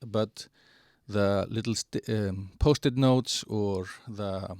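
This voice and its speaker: A man giving a halting walkthrough of an online platform, with many fillers and restarts. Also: lowish voice, darkish tone, no room sound, clean studio sound. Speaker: presenter of a digital platform. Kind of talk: screen-share product walkthrough.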